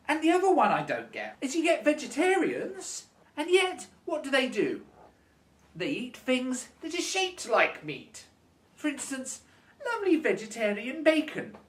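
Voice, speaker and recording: A man delivering a comic rant to camera in a vlog. He is sarcastic and keeps firing off rhetorical questions, and his pitch leaps high and low for effect. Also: a bit bright. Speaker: vlogger.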